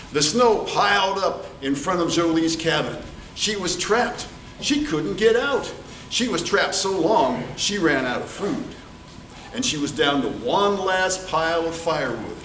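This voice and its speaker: A man telling a tall tale as a contest storyteller, theatrical and deliberate, with dramatic pauses. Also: fairly high pitch, a bit bright. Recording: distant, echoey room with background noise.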